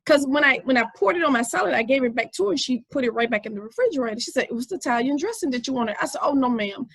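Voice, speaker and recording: A woman's voice: high-pitched, lively intonation, racing, husky, no echo, rough recording. A woman in her forties hosting her own podcast, telling a story in a casual, conversational way with many fillers. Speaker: podcast host. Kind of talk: casual inspirational talk.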